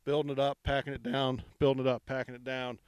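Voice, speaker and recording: Speaking fast in a clean, medium-pitched voice, a middle-aged man gives a casual walking tour of an outdoor construction site. He talks into a handheld microphone with lots of "ums," and the recording is dry.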